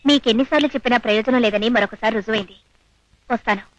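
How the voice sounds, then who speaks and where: A woman's voice: on the high side, quick pace, highs cut off, lightly acted. An actress playing an earnest young woman who speaks in a reproachful way.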